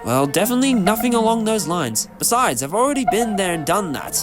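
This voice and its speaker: A man playing an eccentric, excitable time-travelling adventurer in a fan audio drama, talkative, theatrical and whimsical. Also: high voice, brisk, over loud music. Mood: excited, curious.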